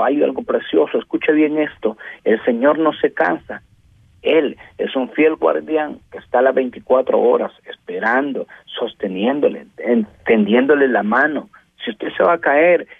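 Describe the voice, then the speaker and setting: Brief: male radio preacher, fervent, husky and gravelly, heard over a narrow phone-like line. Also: mid-range voice, dry recording. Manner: fervent, addresses listeners as brother and sister, rising rhetorical questions. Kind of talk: radio sermon.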